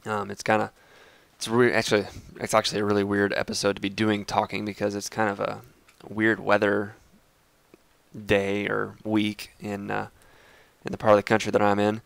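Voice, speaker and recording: A man's voice: on the low side, monotone, moderate pace, vocal fry, a bit bright, smooth, dry recording. A young man with a congested, stuffy voice, chatting casually while he plays a game and talks to his viewers. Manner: chatty and rambling, addresses viewers as guys. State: congested, clogged sinuses. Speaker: Minecraft let's play host. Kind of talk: casual gameplay commentary.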